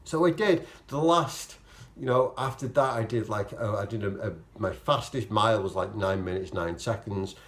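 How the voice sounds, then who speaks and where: A man's voice: on the low side, normal speed, fairly bright tone. A man talking casually to camera as an amateur running vlogger, explaining things in a rambling way, correcting himself and voicing his own thoughts as quotes. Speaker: vlogger, amateur marathon runner. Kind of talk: casual, chatty vlog to camera.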